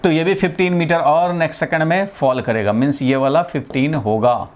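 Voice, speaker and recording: A man's voice: fairly high pitch, fairly quick. A man from India giving a physics lesson, explaining step by step, repeating key phrases and checking in with his students. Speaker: physics teacher. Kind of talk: classroom lecture.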